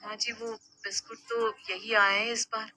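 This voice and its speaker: A woman doing a timid, soft-spoken young wife. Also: fairly high pitch, little pitch movement, moderate pace, no room sound, rough recording. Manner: soft, hesitant, pleading.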